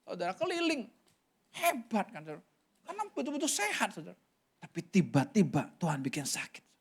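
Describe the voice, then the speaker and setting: A male pastor preaching a sermon, telling a story animatedly with sudden jumps in pitch and often calling out to the congregation. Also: huge pitch swings, brisk, slightly rough. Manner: keeps addressing the congregation directly.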